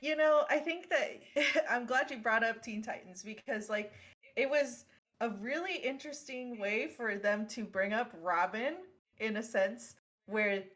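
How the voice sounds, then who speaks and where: A woman's voice: fairly high pitch, a bit bright. A woman co-hosting a podcast in casual chat, talking freely with lots of likes and easy laughter. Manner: chatty, laughs easily, uses lots of likes. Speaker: podcast co-host.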